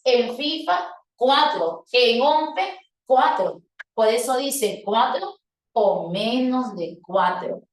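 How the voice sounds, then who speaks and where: A woman teaching a grammar lesson, explaining step by step and quizzing her students with questions. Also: a little high. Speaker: language teacher. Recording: echoey room, voice from a distance.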